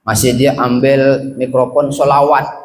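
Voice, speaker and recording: A man with a Riau Malay accent preaching a lively mosque sermon, telling humorous stories and asking rhetorical questions. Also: mid-range voice, unhurried, slight background noise. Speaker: Islamic preacher.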